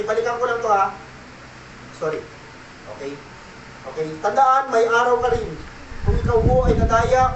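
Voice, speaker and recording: A male pastor with a very high-pitched voice delivers a church sermon. He keeps asking "okay?" and slips into English now and then. The voice rings out in a roomy church hall, picked up from some distance, with a faint hum of ambience behind it. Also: fairly bright tone, dull audio. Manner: preaching with repeated "okay?" check-ins and Taglish. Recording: echoey church room, mic at a distance.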